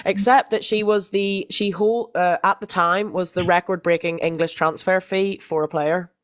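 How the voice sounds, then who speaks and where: A woman's voice: lowish voice, steady tone, normal speed. A young woman co-hosting a casual podcast chat, playful and self-mocking, often restarting her sentences. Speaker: podcast co-host.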